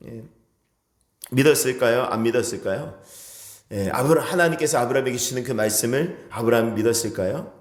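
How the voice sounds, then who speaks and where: A man's voice: mid-range voice, fairly quick. Earnest male pastor in echoey church. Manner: earnest, rhetorical questions, acts out quoted speech. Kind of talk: sermon. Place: church sanctuary.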